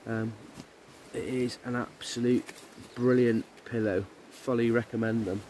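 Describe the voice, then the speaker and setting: A man's voice: medium pitch, little pitch movement, unhurried, a little mellow, slight background noise. A man, chatting casually to camera at a woodland camp, easygoing and full of ums. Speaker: outdoor camping vlogger. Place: woodland camp outdoors by a river.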